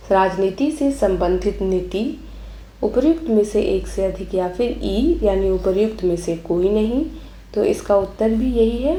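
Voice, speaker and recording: Woman teacher, measured exam walkthrough, warm low timbre. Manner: reads each option then gives the answer.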